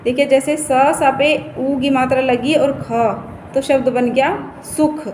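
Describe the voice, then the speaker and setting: A woman's voice: sits high, fairly even intonation, takes it slowly, darkish tone. A woman teacher patiently explaining Hindi vowel signs, repeating and stretching each word. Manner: patient, repeats and stretches words, points at the board. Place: classroom. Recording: echoey room with faint noise.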